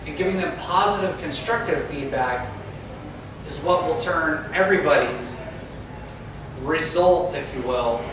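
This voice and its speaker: This club talk comes from a man with a slightly high voice, presenting to an audience. He coaches and instructs, addressing the listeners directly. He is heard from a distance in an echoey hall with noise around him.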